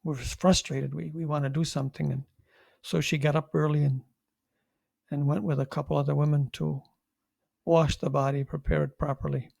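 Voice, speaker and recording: Gravelly priest giving a homily. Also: male voice, on the high side, flat delivery, darkish tone, dry recording. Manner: conversational, halting with restarts, wry asides. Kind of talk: homily reflection.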